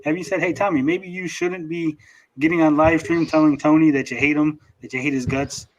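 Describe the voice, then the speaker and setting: A man's voice: on the high side, steady tone, a little fast, low-quality recording. A man hosting a casual panel chat who teases and needles the others, insisting on his point. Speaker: podcast host.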